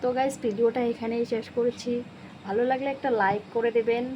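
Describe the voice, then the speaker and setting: A woman's voice: fairly high pitch, fairly even intonation, fairly quick, dull audio, noisy background. A young mother vlogging, coaxing her little son in a sing-song baby-talk voice. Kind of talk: casual family vlog.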